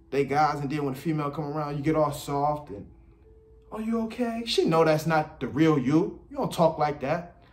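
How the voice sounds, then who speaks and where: A man, giving blunt dating advice in a casual monologue full of slang and repetition. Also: on the high side. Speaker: dating commentator.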